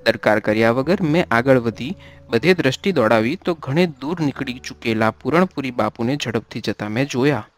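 A man narrating a novel in the first person with a measured, dramatic reading. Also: medium pitch, animated, faint music behind. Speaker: audiobook narrator.

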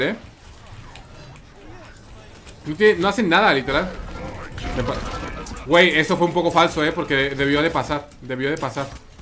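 Male streamer, Mexican accent, raised pitch, casual chatty game commentary. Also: a bit bright. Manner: chatty, repeats phrases, reads and answers chat. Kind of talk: live gameplay commentary.

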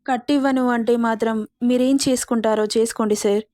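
A woman's voice: a little high, steady tone, a little fast, a little mellow, dry recording, studio quality, lightly acted. A woman voicing a defiant young heroine who pleads earnestly and indignantly with her boss in a romance story.

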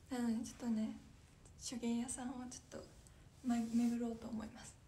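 A young woman with a high, light voice chats casually to her livestream viewers, apologizing, laughing and answering comments as they come. A faint hiss of noise sits behind her voice. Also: steady tone, measured pace, mellow. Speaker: idol livestreamer. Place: small room with echo.

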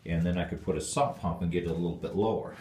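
A man with a deep, darkish voice talks fast as he rambles through a casual walkthrough of his old basement indoors. He's a homeowner filming on a handheld phone camera, speaking plainly with fillers, and the dark stone room sounds echoey.

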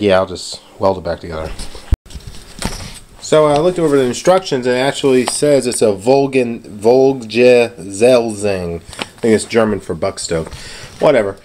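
Medium in pitch and a touch mellow, this DIY video maker's voice stays relaxed and plain as he describes the repair work he's doing at home. The mic is the handheld camera or phone he's shooting with, leaving noisy audio with clicks.

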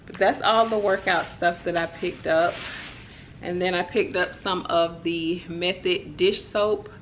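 A young woman talks through her shopping haul in a relaxed, chatty way, peppered with "like" and "y'all." Her voice sits a little low for a woman. A faint hum of the room sits behind her. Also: a little slow. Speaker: vlogger. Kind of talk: casual haul chat to camera.

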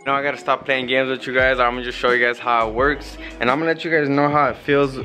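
A man's voice: mid-range voice, fairly even intonation, quick pace, pushed and bright, soft background music. A young man giving a casual, rambling product review while working out on an outdoor covered patio, filming with a handheld camera held close. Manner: laid-back, rambling, chatty. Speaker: vlogger.

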